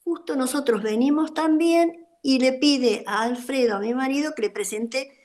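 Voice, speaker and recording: A woman's voice: high-pitched, moderate pace, darkish tone. An older woman with an Argentine accent giving a personal testimony in an online talk, telling her story in a rambling way with many fillers. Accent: Argentine Spanish. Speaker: guest speaker, former activist.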